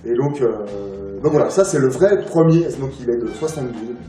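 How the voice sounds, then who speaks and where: A man's voice: medium pitch, moderate pace, dark tone. Rambling man, far off in a roomy space. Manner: rambling, many filler sounds and restarts. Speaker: interview guest, film collector. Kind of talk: casual interview. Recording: roomy, distant mic, music behind.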